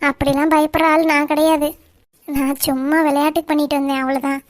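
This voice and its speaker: A woman voicing a scheming, bossy middle-aged village aunt in a cartoon, scolding sharply and turning shrill when frightened. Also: little pitch movement, brisk, no room sound, close to an everyday voice. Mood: defensive. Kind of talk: cartoon voice acting.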